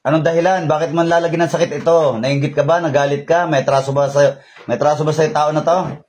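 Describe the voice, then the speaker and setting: Man, faith healer, higher voice, commanding, interrogating, chanted prayers. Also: steady tone, a little fast, darkish tone. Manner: commanding, interrogating, repeats questions. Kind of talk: remote healing prayer and exorcism over a call.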